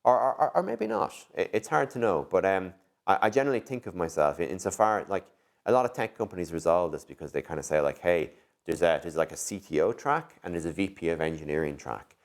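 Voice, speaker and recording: Gravelly and low-pitched, this tech executive talks fairly quickly in a conversational interview. His animated thinking-aloud is full of "like" and "you know".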